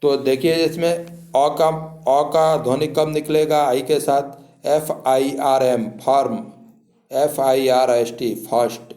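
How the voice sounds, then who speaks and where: Male teacher, slow and deliberate, spells each word out letter by letter, echoey room. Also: medium pitch, steady tone, mellow. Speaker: English teacher. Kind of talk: spoken classroom lesson.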